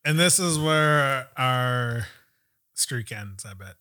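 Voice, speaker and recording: A man's voice: medium pitch, expressive, slow, sharp tone, clean tone. A man co-hosting a podcast, dropping short teasing remarks into casual banter. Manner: brief teasing interjections. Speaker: podcast co-host.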